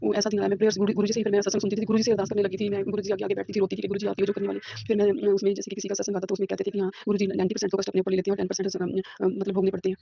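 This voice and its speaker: A school teacher in her 50s from Punjab, India, gives an earnest devotional testimony, recorded on a phone in a room at home with dull audio and no echo. Her mid-range, mellow voice is monotone, creaky and slightly breathy, rapid-fire with few pauses. She often repeats herself and mixes English words into her speech.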